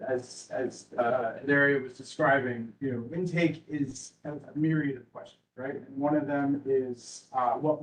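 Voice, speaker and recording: A man answering questions at a community meeting, halting with many fillers. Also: mid-range voice, reverberant, distant mic, rough recording. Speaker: shelter services representative.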